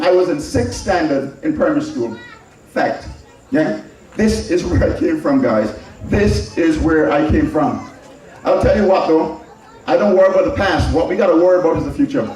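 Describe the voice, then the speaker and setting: Here the Anguillian speaker's high voice has a slightly mellow quality. The middle-aged man reminisces during a forceful public address, hammering home certain phrases through repetition. The audio is heavily reverberant, and he is distant from the mic.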